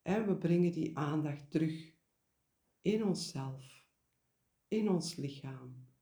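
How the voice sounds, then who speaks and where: A man leads a guided meditation in a soft-edged, mellow voice. He speaks very slowly and deliberately, leaving pauses and repeating key words. The room adds a noticeable echo around him. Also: fairly high pitch, lively intonation. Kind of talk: guided meditation, spoken reflection.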